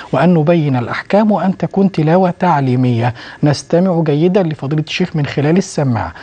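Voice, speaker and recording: A male presenter with an Egyptian accent, talking very fast. His tone is dark and mellow, with a husky edge. He presents the show politely and briskly. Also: on the high side. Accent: Egyptian Arabic. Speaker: TV show host.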